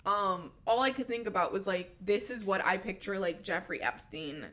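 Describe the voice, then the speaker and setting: A woman's voice: medium pitch, moderate pace, a bit bright. A young woman co-hosting a podcast, chatting casually with lots of fillers and frequent laughter. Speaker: podcast co-host. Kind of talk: casual chat.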